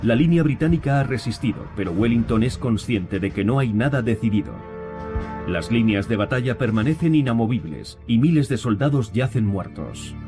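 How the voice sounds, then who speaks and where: A man's voice: medium pitch, animated, moderate pace. A man reading scripted narration for a history documentary. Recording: music behind the voice.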